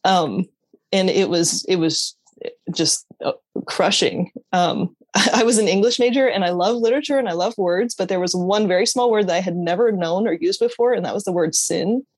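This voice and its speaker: A woman's voice: medium pitch, a little mellow, slightly rough, dry recording. Candid woman with a dry, close sound. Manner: earnest and candid, halting with restarts and laughs. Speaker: interview guest. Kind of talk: personal faith testimony in conversation.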